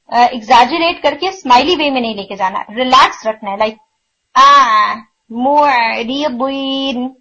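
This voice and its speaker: High-voiced woman teaching recitation sounds. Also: a bit bright, dull audio. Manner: explains patiently, demonstrates sounds slowly and repeats them; mixes English words into her talk. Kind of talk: online tajweed lesson.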